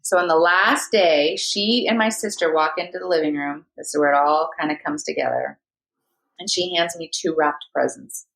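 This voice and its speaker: Low-voiced woman guest on a podcast, bit gravelly, telling a story in a chatty way. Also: moderate pace, poor audio. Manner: lively anecdotal storyteller, laughs often. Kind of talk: storytelling in conversation.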